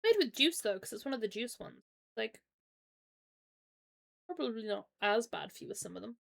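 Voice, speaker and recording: A British woman live streamer with plenty of vocal fry, chatting informally to viewers. She talks through a sore, swollen side of her mouth from dental pain, with an apologetic, chatty manner. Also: fairly high pitch, sing-song, normal speed, a bit bright. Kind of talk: casual livestream chat.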